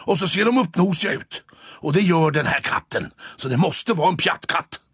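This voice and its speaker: A man's voice: on the high side, lively intonation, a bit bright, husky, no echo, clean studio sound. A man voicing a proud, grumpy male town cat in an audiobook, speaking in a stern, haughty way. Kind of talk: audiobook character voice.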